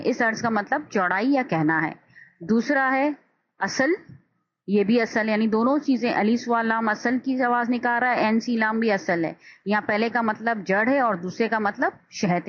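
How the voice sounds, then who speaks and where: A woman's voice: on the high side, no echo. Patient woman teaching a grammar lesson. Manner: patient, checks understanding, mixes in English words. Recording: dull lo-fi recording.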